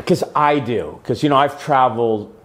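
A man's voice: mid-range voice, normal speed. Middle-aged man, podcast host, chatty and upbeat, keeps the questions coming. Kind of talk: casual interview chat.

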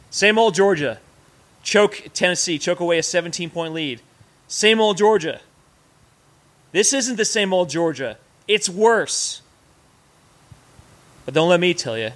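Brief: male host, sarcastic and profane ranting, slightly high voice. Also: fairly bright tone. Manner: sarcastic, profane, fast rants. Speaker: host of a sports fan podcast. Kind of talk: casual ranting commentary while cooking.

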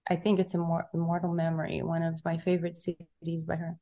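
A middle-aged woman telling her story in an interview, soft-spoken and searching for words, with frequent pauses and fillers. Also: on the low side, monotone. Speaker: recording artist interviewed.

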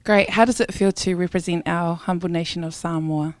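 A woman's voice: fairly low pitch, steady tone, brisk, dry recording. A woman hosting a radio interview, asking questions in a friendly, informal way. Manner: friendly, informal, uses fillers.

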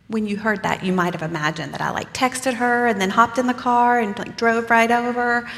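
Mary, a young mother, tells her story with slow, earnest warmth and a chatty turn of phrase, voiced by a woman preaching in the first person. The voice sits low with a gravelly edge. A long reverb rings around her, as in a large church sanctuary. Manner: conversational, earnest storytelling with casual asides. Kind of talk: first-person dramatic sermon monologue.

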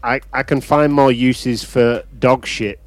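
A man on a podcast talks bluntly and swears freely while joking around. His voice sits at a middle pitch. Faint music plays behind him. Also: fairly even intonation, slow. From Newcastle, England. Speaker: podcast guest. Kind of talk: casual chat.

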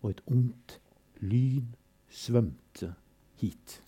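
A man reading poems aloud slowly and solemnly, with long pauses, and adding brief comments between them. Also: medium pitch, dark tone, husky. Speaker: poetry reader and commentator.

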